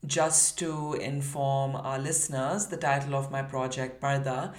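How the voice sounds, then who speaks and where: Measured woman, echoey room. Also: a bass voice, fairly even intonation. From Karachi, Pakistan. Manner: measured, explanatory. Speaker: artist and educator. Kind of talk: prepared statement. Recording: roomy echo.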